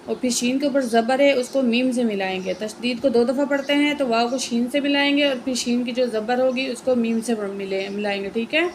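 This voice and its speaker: A woman with a fairly high voice leads a Quran reading lesson, sounding out letters one by one and drawing whole words out very slowly. Her delivery is patient and methodical, with a faint hiss of noise behind her. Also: steady tone, poor audio. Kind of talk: Quran reading lesson, slow spelling drills.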